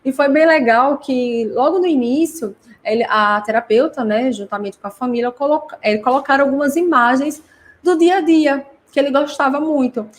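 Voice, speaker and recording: A woman's voice: high-pitched, normal speed. A woman with a Brazilian Portuguese accent who hosts a live class for parents. She explains conversationally, works through many examples and often adds tag questions. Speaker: host and parent educator.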